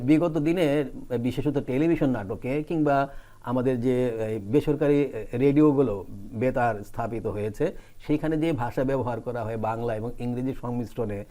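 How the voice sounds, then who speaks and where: A man appearing as a guest scholar, discussing language in a deliberate, lecturing way. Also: mid-range voice, dark tone. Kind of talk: academic discussion.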